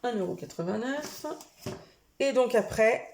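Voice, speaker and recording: A woman's voice: fairly high pitch, expressive, unhurried, creaky, a little mellow, slight background noise. A woman chatting casually to camera as she shows a shopping haul, talking in a hesitant way with many fillers and small self-corrections. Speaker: vlogger showing a shopping haul.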